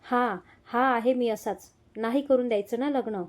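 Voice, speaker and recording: A woman's voice: a little high, moderate pace, close to an everyday voice. A woman voicing a short-tempered young husband who talks in snappish, irritable bursts in a read-aloud story. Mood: angry. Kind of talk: audio story reading.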